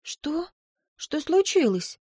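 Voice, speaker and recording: A woman's voice: high-pitched, very animated, slow pace, dark tone, no room sound, studio quality, voice pushed up, exaggerated voice. A woman voicing an indignant young woman whose date is being cut short. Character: young woman, girlfriend annoyed at interruption.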